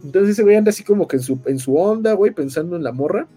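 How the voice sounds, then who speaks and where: With a Mexican accent, a man casually recaps a story in slangy, sweary speech, acting out the characters' dialogue as he goes. His voice is high-pitched, expressive, mellow and slightly rough, delivered rapid-fire over soft background music.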